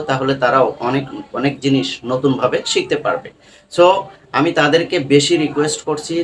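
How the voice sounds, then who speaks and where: A man's voice: on the high side, a little hiss or hum. A man teaching English reading and spelling in an online lesson, breaking words into syllables and repeating them.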